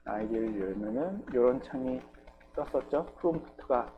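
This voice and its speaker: A male university lecturer teaches a recorded programming class, explaining patiently step by step and often checking in with students using "ye" and "geujyo." His medium-pitched voice is animated at normal speed, and the audio has its highs cut off.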